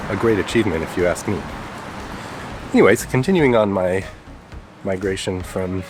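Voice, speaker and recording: A young vlogger from the Chicago area chats in a relaxed way while walking outdoors on city streets, his low voice nasal and stuffed-up from a cold. Music plays underneath this casual vlog.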